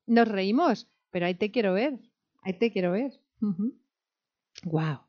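Woman preacher, sermon, dramatic, whispers and cries, mid pitch, muffled lo-fi sound. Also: darkish tone. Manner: dramatic, acts out scenes, drops to whispers and rises to cries. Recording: dull lo-fi recording.

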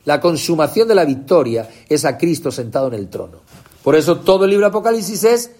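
A man preaching an impassioned sermon, asking the congregation questions and swinging between shouts and low, quiet lines. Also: sing-song, a little fast.

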